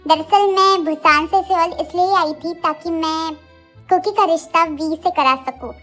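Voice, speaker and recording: A woman voicing a gentle, kindly older aunt in a Hindi fan audio story, speaking slowly. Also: extremely high pitch, steady tone, faint music behind.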